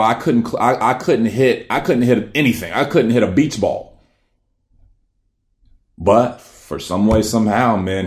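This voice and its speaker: A man in his thirties telling his own story in a rambling, earnest way, with many fillers and restarts. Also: fairly low pitch. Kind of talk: casual personal storytelling. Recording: echoey room.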